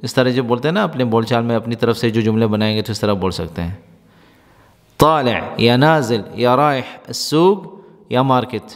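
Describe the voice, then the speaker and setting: A man teaching spoken Arabic in a patient, repetitive lesson, translating each phrase and speaking. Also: mid-range voice. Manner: explains slowly, repeats phrases with translations. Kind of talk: language lesson in Urdu. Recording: hall reverb.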